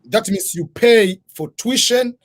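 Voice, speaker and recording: A man's voice: high-pitched, slow pace, a bit bright. A middle-aged man from Tanzania, a guest in an interview, explaining methodically in numbered points. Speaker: guest, scholarship advisor.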